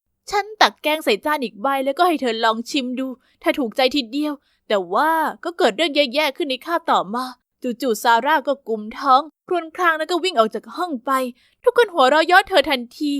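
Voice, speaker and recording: A woman narrating a first-person story with a steady, even storytelling delivery. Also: sits high, a little fast, hardly any pauses, no echo, clean studio sound.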